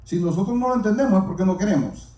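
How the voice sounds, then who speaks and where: This man's sermon comes in a high-pitched, mellow voice with lively intonation and a fast pace. He addresses the congregation directly, earnestly repeating himself, while the distant mic picks up a roomy echo.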